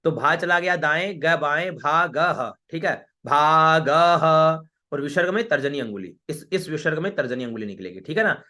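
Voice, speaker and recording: A man teaching a Vedic chanting class online, chanting verses slowly and then patiently explaining each syllable's pitch, with frequent check-ins. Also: lively intonation, sharp tone. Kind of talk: online class, recitation lesson.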